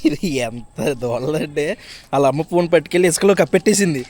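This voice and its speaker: A man's voice: a little high, animated, fast talker, a little mellow, a little hiss or hum. Playful man vlogging outdoors. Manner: playful teasing, chatting with a small child. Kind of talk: casual daily vlog chatter. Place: outdoors in a village, by water and fields.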